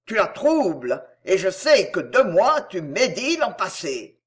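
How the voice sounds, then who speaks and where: A woman's voice: mid-range voice, sing-song, a little slow. A woman voicing an eager young man who declaims a wolf's lines in a storybook scene. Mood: declaiming. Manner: theatrical, declaiming. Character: eager young man playing a raging wolf.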